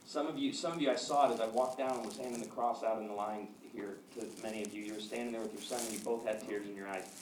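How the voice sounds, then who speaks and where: A man's voice: lowish voice, fast talker, hardly any pauses. Man preaching in an echoey hall. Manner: animated storytelling, acts out quotes. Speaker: pastor. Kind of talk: sermon with personal stories. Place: church sanctuary. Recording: echoey hall, mic at a distance, audience noise.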